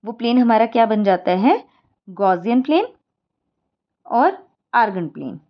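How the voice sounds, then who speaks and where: Woman, maths teacher, fairly high pitch, step-by-step explaining, muffled lo-fi recording. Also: sing-song, measured pace. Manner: explains step by step, checks in with "ठीक है" and "clear है". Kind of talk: whiteboard maths lesson.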